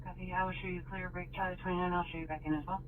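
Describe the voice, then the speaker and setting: Guy dispatcher on police radio, high flat voice, terse clipped replies, muffled scanner sound. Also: racing, a little hiss or hum. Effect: police radio transmission.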